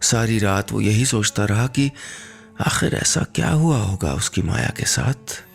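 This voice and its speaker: A man narrating a story on a radio show in a calm, unhurried way. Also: fairly low pitch, creaky, music in the background.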